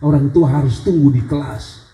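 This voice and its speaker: A male pastor preaching a sermon in a lively, animated style, with wide swings in his delivery. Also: normal speed. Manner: animated preaching with big pitch swings and acted child cries. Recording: echoey church hall.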